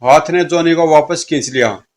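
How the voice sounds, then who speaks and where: A man's voice: on the high side, normal speed. Dramatic male horror storyteller. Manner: voices sound effects aloud. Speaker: narrator.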